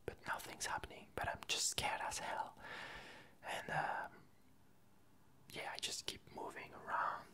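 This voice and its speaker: The creator keeps up a rambling, halting ASMR chat in a breathy whisper without voice, often revising what she just said. The tone comes across bright and forceful.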